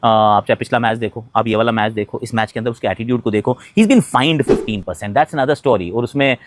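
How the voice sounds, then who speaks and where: A man's voice: medium pitch, moderate pace, noisy background. A man giving a casual cricket reaction, mixing Hindi and English with emphatic points and frequent hesitant fillers. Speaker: cricket commentator.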